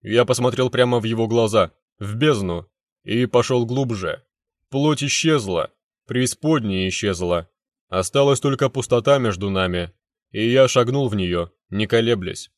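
A man's voice: mid-range voice, normal speed, dry recording, clean studio sound. A man reading a first-person fantasy story aloud with intense, dramatic delivery. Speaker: narrator.

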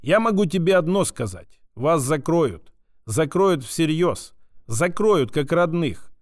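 A man's voice: fairly high pitch, very animated, slow, dry recording. A sly male official, unflappable and teasing, who drawls his orders in a mocking, familiar tone, as the audiobook reader plays him. The voice is slightly raised and close, with a dry sound. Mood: mocking, firm.

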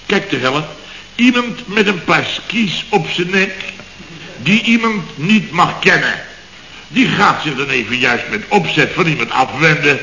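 A man with a fairly high, expressive, pushed and bright voice speaks a little slowly in a full character voice. He's an actor in a 1960s radio comedy playing a blustering, exasperated building-firm boss who rants sarcastically and mockingly mimics his staff. The old radio recording sounds roomy and dull, with faint noise.

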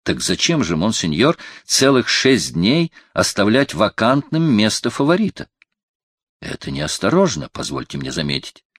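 A man's voice: fairly low pitch, wildly swooping pitch, normal speed, a bit bright, dry recording, studio quality, heavily acted. A man playing a sly scheming friar. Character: scheming Franciscan friar, calm and sly adviser. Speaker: audiobook reader voicing a character. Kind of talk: audiobook character reading.

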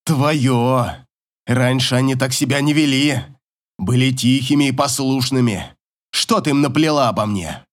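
A man voicing a gruff, venomous middle-aged ex-husband in an audiobook. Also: mid-range voice, unhurried, close to an everyday voice.

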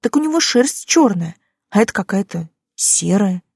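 A woman narrating first-person fiction in a lively, expressive reading voice. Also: medium pitch, moderate pace, gravelly, breathy edge, dry recording, studio quality. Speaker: audiobook narrator.

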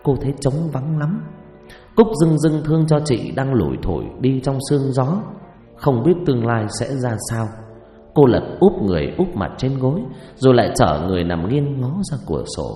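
A man's voice: mid-range voice, sing-song, moderate pace, mellow. A man telling a ghost story in a dramatic, suspenseful scripted narration, recorded with echoey reverb over faint music.

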